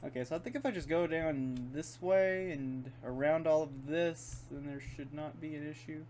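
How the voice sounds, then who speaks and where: A man's voice: fairly high pitch, normal speed, darkish tone. A man giving casual, unscripted gameplay commentary, rambling and thinking aloud as he plays in his room. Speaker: gaming video host. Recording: running fan noise behind voice. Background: fan hum, keyboard and mouse clicks.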